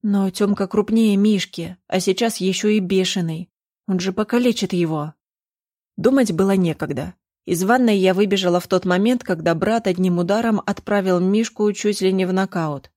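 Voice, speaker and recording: A woman's voice: medium pitch, normal speed, darkish tone, dry recording, studio quality. A woman narrating a first-person story in a tense, dramatic reading. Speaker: audiobook narrator.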